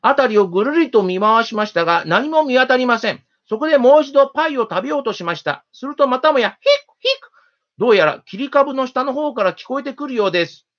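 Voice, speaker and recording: A storyteller reading a children's story aloud in a gentle, steady, expressive manner. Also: mid-range voice, fast. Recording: dull lo-fi recording.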